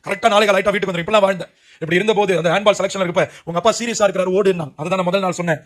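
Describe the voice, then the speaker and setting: A man's voice: high voice, steady tone, racing, fairly bright tone. A man preaching an emotional testimony sermon, speaking with urgency and crying out to young listeners. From Puducherry, India. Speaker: preacher giving his testimony.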